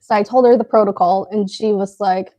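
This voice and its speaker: A woman's voice: mid-range voice, steady tone, brisk, mellow, muffled recording. A woman co-hosting a casual live stream, telling a story while eating and laughing often. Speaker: co-host.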